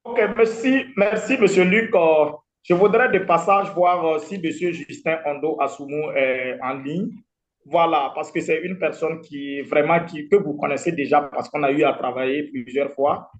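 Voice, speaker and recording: A man's voice: fairly high pitch, normal speed. A man organizing a festival, speaking politely and formally on a video call.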